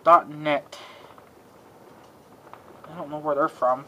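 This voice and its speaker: A man talks slowly in a slightly high, pushed, bright voice with fairly even intonation, hosting a rambling hands-on antenna demo. Folksy and half muttering, he clears his throat often and cusses mildly in exasperation. The homemade audio is clearly noisy, with clicks.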